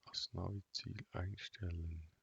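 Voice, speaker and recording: A man with a Bernese Swiss German accent giving casual let's play commentary in a flat, monotone way, half talking to himself. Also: deep voice, takes it slowly, gravelly, husky, dry recording, highs cut off. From Switzerland. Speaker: gaming video host. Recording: noisy, vehicle engine and clicking behind. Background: truck game engine sounds and clicks.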